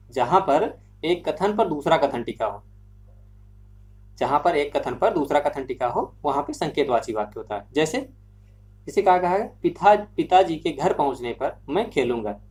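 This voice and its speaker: A woman teaching a grammar lesson, explaining slowly and repeating every example sentence before checking that the class follows. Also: low-pitched, warm tone.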